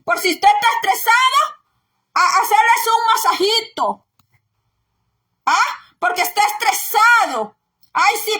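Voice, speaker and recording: A woman's voice: very high-pitched, pushed and bright. A woman preaching a sermon with emphatic, scolding exhortation, often raising her voice and repeating phrases for emphasis.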